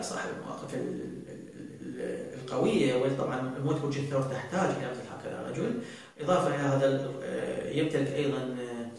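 A man, answering viewer questions on a show, talking slowly with many drawn-out fillers and restarts. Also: mid-range voice, vocal fry. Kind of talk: casual talk show monologue. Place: indoor studio set at a desk. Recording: very roomy, from far off the mic.

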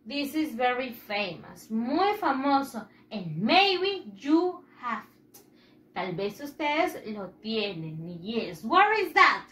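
A woman teacher speaks slowly and patiently to small children, her high voice swooping up and down. She says every phrase twice, once in English and once in Spanish, and has the class repeat after her. The room around her sounds echoey. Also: very animated, bright, forceful tone. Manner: leads call-and-repeat drills. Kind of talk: bilingual children's English lesson.

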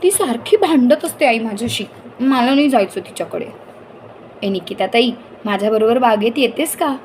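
A woman's voice: on the high side, lively intonation, normal speed, darkish tone, slight background noise, natural voice. A woman voicing a bored young boy who whines and pleads in a storybook reading. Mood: whiny. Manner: whining, pleading.

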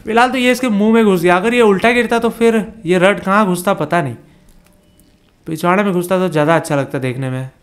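A man giving excited gameplay commentary, taunting and repeating words in quick bursts. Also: high voice. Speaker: gaming channel host.

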